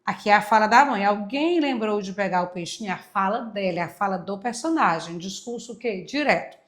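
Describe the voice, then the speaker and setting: A woman teacher walking through exam answers, emphatic, stretching key words out slowly and answering her own questions. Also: mid-range voice, expressive. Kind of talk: exam walkthrough lesson.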